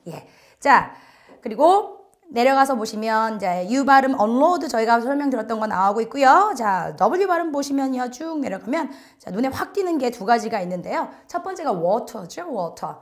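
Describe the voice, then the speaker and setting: Lively chatty woman teaching English listening. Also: fairly high pitch, normal speed. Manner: chatty, addresses students directly, frequent "자" fillers. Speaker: TOEIC listening instructor. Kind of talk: recorded lecture.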